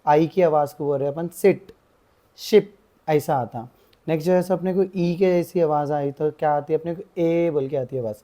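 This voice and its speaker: A young man tutors a grammar lesson, leaning on the same filler phrases repeatedly and stretching out example words slowly. His voice is fairly high-pitched with a dark tone.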